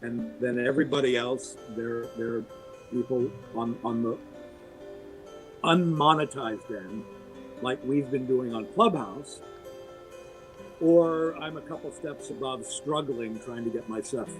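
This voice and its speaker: With faint music behind him, a middle-aged podcast guest talks at a measured pace, giving a lengthy opinionated monologue full of emphasis and big pitch swings.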